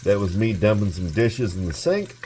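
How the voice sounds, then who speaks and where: Man, cooking host, low voice, chatty, casual tutorial, home kitchen, faint background hiss. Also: very animated, normal speed, dark tone. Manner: chatty, keeps addressing viewers as guys.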